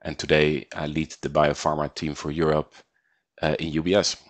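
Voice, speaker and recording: A middle-aged man from the Netherlands speaks in a very deep voice as a podcast guest. He talks in a measured way, often repeating himself and reaching for fillers. The recording is dry and close, with no room sound. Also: monotone, no room sound. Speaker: guest, investment banker. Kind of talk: podcast interview, conversational.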